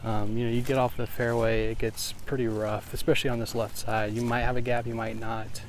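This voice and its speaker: A man doing live play-by-play commentary on a disc golf match, steady and informative with some fillers. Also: mid-range voice, fairly quick. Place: outdoors at a park course. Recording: noisy outdoor live stream.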